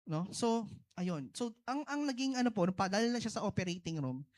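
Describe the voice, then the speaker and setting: A man's voice: sits high, animated, brisk. A man with a Filipino accent, a pastor preaching a sermon testimony in short bursts and mixing two languages, often checking with the congregation with "no?" and "di ba?". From Philippines. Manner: switches between Tagalog and English, asks the congregation "no?" and "di ba?"; talks in short bursts with big swings in loudness.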